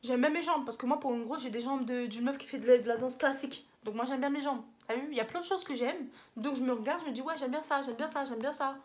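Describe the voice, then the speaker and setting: A woman's voice: high-pitched, quick pace, hardly any pauses. A young woman with a French accent giving casual advice in a vlog, rambling and slangy, often laughing at herself. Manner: rambling, slangy, self-mocking. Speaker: vlogger.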